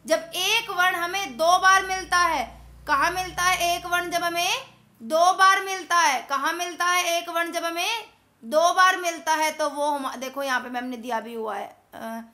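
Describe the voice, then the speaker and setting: A woman's voice: extremely high pitch, fairly even intonation, unhurried, bright, forceful tone. A woman teacher explaining a grammar lesson to children step by step, repeating words and asking questions back.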